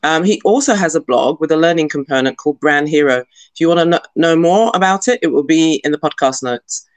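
A woman's voice: low voice, a little fast, dry recording. A woman hosting a podcast interview, introducing her guest and asking questions with friendly, enthusiastic reactions. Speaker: podcast host and lecturer.

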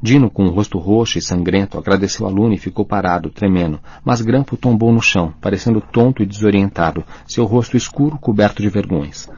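A man reading a novel aloud as an audiobook narrator in steady, even storytelling. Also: on the low side, fairly quick, hardly any pauses, slightly rough, highs cut off. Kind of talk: scripted narration.

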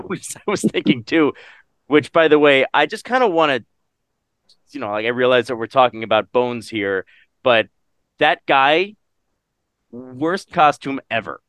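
A man chatting casually in a movie review podcast, animated and laughing often as he acts out lines from the film. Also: mid-range voice, measured pace, pauses often, smooth, no room sound. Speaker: podcast co-host.

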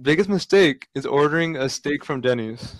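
A man's voice: fairly high pitch, moderate pace, poor audio. A young man co-hosting a podcast, telling a casual story full of fillers. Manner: storytelling, animated with lots of fillers. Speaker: podcast co-host. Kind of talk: casual chat.

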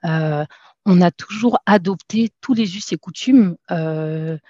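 In a casual conversational interview, a French podcast guest in her thirties speaks slowly and hesitantly, with many fillers and false starts. Her fairly low voice has a mellow quality. The sound is dry, dull and lo-fi.

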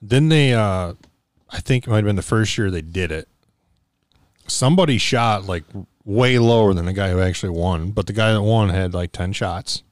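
A man's voice: on the low side, moderate pace, no echo, studio quality. A man co-hosting a casual sports chat, blunt and opinionated. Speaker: podcast co-host.

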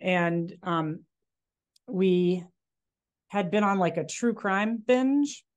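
On a podcast, a woman appearing as a magazine guest tells stories in a casual interview chat. Her voice is lowish with drawn-out words and the highs cut off, and she rambles with many fillers and restarts.

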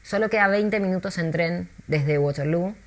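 An Argentine woman who works as a tour guide, chatting in an interview with lively, storytelling delivery and many restarts. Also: lowish voice, moderate pace. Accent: Argentine Spanish.

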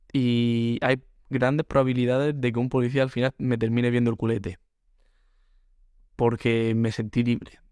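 A young man hosting a podcast, telling a comic story in an animated way, acting out quotes and often restarting. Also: medium pitch, dry recording, clean studio sound. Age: young adult. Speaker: podcast host. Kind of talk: comedic storytelling monologue.

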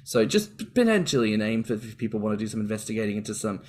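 A man's voice: on the low side, sing-song, rapid-fire, darkish tone. A man co-hosting a casual podcast chat, musing at length with playful asides. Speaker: podcast co-host.

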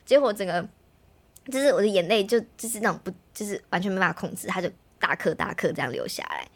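A young woman, telling a personal story in animated, casual chat as a podcast host. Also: mid-range voice. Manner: fast, animated storytelling, mimics others' voices.

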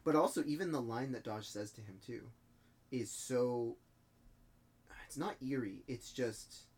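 A man co-hosting a podcast in casual chat, excitable and swearing often. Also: medium pitch, unhurried, slightly rough. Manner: excitable, profane, animated. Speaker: podcast co-host.

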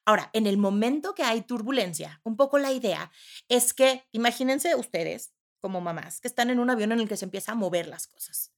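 Woman, casual parenting advice, animated, acts out sudden loud voices. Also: a little high, fairly quick. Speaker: parenting expert guest.

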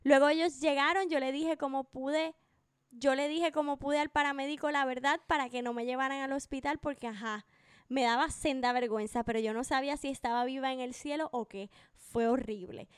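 Female co-host, high voice, talkative and casual. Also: steady tone, fairly quick, dry recording, clean studio sound. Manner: chatty, jumps in to finish her co-host's sentences. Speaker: podcast co-host. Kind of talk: casual chat.

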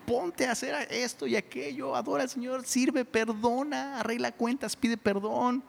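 A brisk bossy old churchwoman, as a male preacher puts her on. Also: fairly high pitch, steady tone, vocal fry, pitched above the performer's own voice. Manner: bossy, rapid-fire commands. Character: brisk elderly churchwoman exhorting her friends. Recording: long hall reverb.

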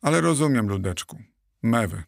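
A man voicing an old, talkative male oak tree in an audiobook, speaking slowly and listing names at length. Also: mid-range voice, animated, vocal fry, dry recording, studio quality. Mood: wistful. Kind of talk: audiobook character reading.

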